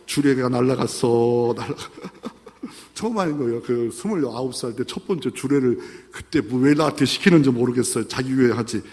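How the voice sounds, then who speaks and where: A male pastor preaching a sermon with animated, dramatic storytelling. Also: medium pitch, brisk, hardly any pauses, long reverb tail.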